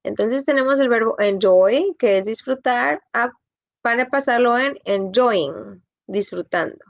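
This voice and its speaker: A woman's voice: on the high side, unhurried, creaky, dry recording, muffled recording. Woman teaching English grammar patiently. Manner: patient, explains in Spanish and repeats in English. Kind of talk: bilingual grammar lesson.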